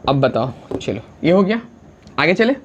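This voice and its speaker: A man teaching a science lesson, constantly asking the class questions and answering them himself, urging students to write fast and mixing English unit names into his talk. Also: fairly high pitch, big pitch swings, highs cut off, a little hiss or hum. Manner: urges students to write quickly, calls them friend.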